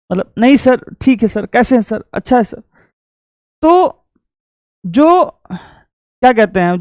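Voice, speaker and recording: A man's voice: extremely high pitch, smooth, no room sound, studio quality. A man teaching an online lesson, chatty and coaxing, with joking asides to his students and snatches of hummed songs. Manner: coaxing, motivational; hums snatches of film songs.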